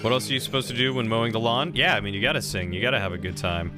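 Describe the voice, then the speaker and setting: A man's voice: mid-range voice, very fast. Chatty young man streaming a game. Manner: relaxed, chatty, reading chat aloud. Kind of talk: casual let's-play chat. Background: game music.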